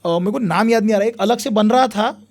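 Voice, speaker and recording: High-voiced man telling history. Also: quick pace. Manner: animated retelling with repeated phrases, acts out quotes. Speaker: history speaker, guest. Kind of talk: conversational storytelling.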